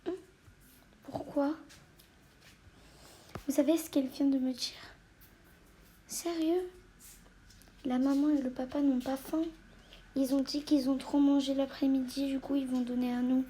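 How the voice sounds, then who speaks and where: A woman's voice: sits high, flat delivery, a little slow, long pauses, warm tone, slight background noise. A woman vlogging casually while playing with dolls, chatting to viewers and often dropping into whispers. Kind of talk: casual doll-play vlog.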